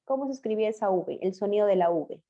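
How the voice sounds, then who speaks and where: A woman teacher giving an online language class, patiently quizzing her pupils and spelling words out slowly. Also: medium pitch, mellow. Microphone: video call. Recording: muffled lo-fi video call audio.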